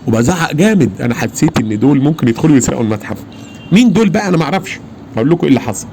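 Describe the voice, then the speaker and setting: Egyptian guy telling what he saw, super quick, gets loud and emphatic, cars going by in the background. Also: fairly high pitch, background noise. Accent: Egyptian Arabic. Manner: animated, emphatic, acts out his own shouts. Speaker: eyewitness storyteller. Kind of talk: casual personal storytelling.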